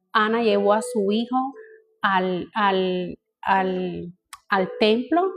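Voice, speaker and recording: A woman's voice: a little high, darkish tone. A woman teaching a Bible study, often repeating phrases and checking in with her listeners.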